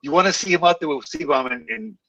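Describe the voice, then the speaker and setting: A man's voice: high voice, expressive, fast, gravelly, bright, forceful tone, dry recording. A man co-hosting a casual chat, agreeing and chiming in with short comments. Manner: agreeable, chimes in. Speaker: co-host commentator. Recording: muffled, dry, distant from the mic.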